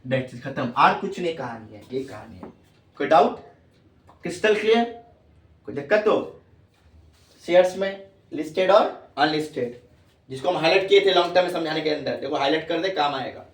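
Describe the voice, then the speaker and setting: A man's voice: a little high, animated, moderate pace, pauses often. A man teaching tax to students, repeating questions to check they follow. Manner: repeats questions to students, calls them "babu". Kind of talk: classroom lecture. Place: classroom. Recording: echoey room, far from mic.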